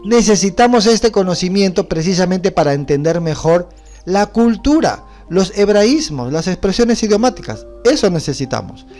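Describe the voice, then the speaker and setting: A man's voice: high voice, expressive, moderate pace, a little mellow, faint music behind. A man with a Bolivian Spanish accent teaching a Bible class, explaining points and asking the class rhetorical questions.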